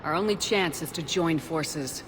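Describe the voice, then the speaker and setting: Composed commander in a reverberant space. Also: female voice, low-pitched, a little slow, background noise. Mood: firm, persuasive. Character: composed, resolute female military commander. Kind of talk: cinematic video game acting.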